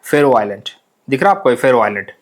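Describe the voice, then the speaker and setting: A man's voice: medium pitch, very animated, quick pace. A young man teaching a casual exam-prep map lesson, chatty and repetitive, often mixing in English words. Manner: chatty, repeats phrases, mixes English words.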